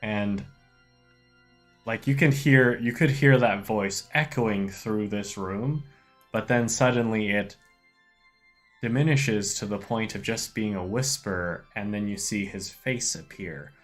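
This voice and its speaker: A man's voice: lowish voice, slow, faint music behind. A man narrating an improvised tabletop game as the game master.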